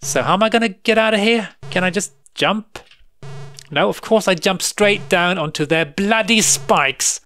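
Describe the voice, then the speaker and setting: Slow, bright-voiced man grumbling over gameplay. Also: high voice, a little hiss or hum. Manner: exasperated, sarcastic grumbling with frequent laughs. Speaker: retro gaming video host. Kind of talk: live gameplay commentary.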